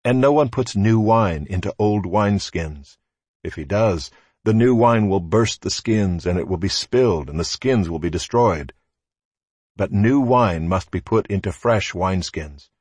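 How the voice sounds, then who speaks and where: Low, husky man reading scripture. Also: expressive, measured pace, darkish tone, dry recording. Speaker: scripture reader at a church service.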